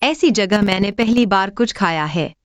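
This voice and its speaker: A woman's voice: mid-range voice, normal speed, dry recording, natural voice. Stern elder sister, voiced by a woman, scolding tone, very dry dub booth. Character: proud elder sister, stern but torn. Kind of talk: Hindi drama dubbing.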